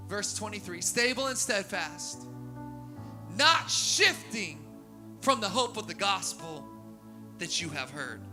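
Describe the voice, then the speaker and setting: Male pastor preaching, high tenor with sharp bright edge, faint keys underneath. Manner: repetitive preaching cadence, rising to emphatic peaks. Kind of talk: sermon. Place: church sanctuary.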